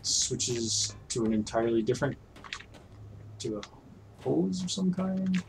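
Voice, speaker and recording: A man's voice: medium pitch, animated, slow pace, vocal fry, slight background noise. A man streaming a puzzle game, thinking aloud in a chatty, unsure way as he works things out. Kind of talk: casual let's-play commentary.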